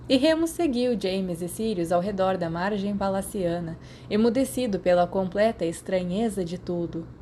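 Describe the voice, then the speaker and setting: A podfic narrator with a Brazilian accent reads a story as scripted audiobook narration in a medium-pitched voice with a dark tone. Background noise comes through clearly.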